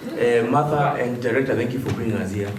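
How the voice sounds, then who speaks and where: A man's voice: mid-range voice, fast, crowd noise. Jovial man. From Kenya. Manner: jovial, welcoming. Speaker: public commentator. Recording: echoey hall, distant mic, background noise.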